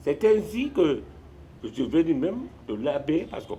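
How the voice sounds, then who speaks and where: A man's voice: fairly high pitch, very animated, a little slow, warm tone, a little hiss or hum. An older man from Guinea, a retired sports administrator telling stories in an interview, with frequent restarts and repetitions. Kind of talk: storytelling in a sit-down interview.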